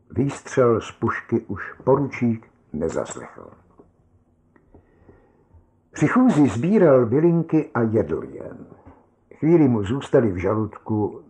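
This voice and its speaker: Man, audiobook narrator, calm, measured, mid-range voice. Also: medium pitch.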